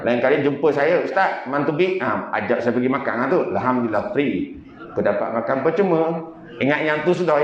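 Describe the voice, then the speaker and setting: A male preacher from Sarawak whose first language is Bidayuh gives a humorous mosque lecture with lively storytelling and jokey asides. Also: medium pitch. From Sarawak, Malaysia. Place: mosque hall. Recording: echoey dull lo-fi mosque sound.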